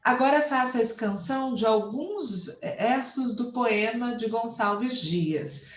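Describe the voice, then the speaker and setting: A woman's voice: a little high, slow pace, roomy sound. A Brazilian woman teacher with a Brazilian Portuguese accent, explaining a lesson patiently and counting syllables aloud. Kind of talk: online class lecture.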